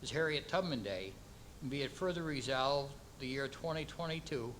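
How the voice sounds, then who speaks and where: Bright-voiced man, a mayor. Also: medium pitch, slight background noise, poor audio. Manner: halting, repeats words when speaking off the cuff. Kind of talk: formal proclamation reading, then informal remarks.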